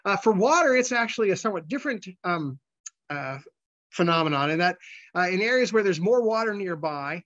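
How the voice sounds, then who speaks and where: A man giving a conversational scientific slide presentation as a researcher, halting, with repeated words and false starts. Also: sits high, animated, a bit bright, highs cut off.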